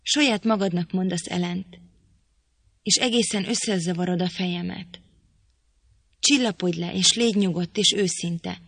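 A woman's voice: lowish voice, pauses often, fairly bright tone, breathy edge, no room sound. A woman reading the part of a proud, impatient young woman who scolds irritably in an audiobook. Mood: stern.

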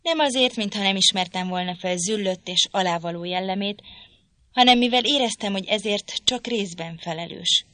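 A woman voicing a stern, indignant gentleman husband, speaking stiffly and reproachfully in an audiobook reading. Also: mid-range voice, dry recording, natural voice.

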